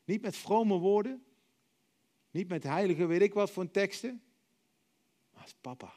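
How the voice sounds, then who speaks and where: A middle-aged man preaching a sermon. He tells stories dramatically, acts out other voices, and lets many phrases sink to a soft, quiet finish. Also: sits high, unhurried. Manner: dramatic storytelling, acting out voices and dropping to soft, quiet endings.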